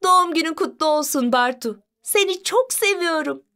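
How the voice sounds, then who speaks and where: Woman voicing a bright eager little girl. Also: high-pitched, normal speed, voice pushed up. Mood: excited. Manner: excited, bright, bouncy child voice. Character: cheerful clever young girl, big sister.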